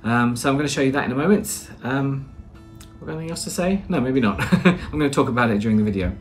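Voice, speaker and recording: Quick-paced and medium in pitch, this man's voice has lively intonation, and faint music plays behind it. A British man in his thirties, he speaks British English, vlogging casually and narrating from a small plain indoor room, with chatty rambling, frequent "uh"s and restarts.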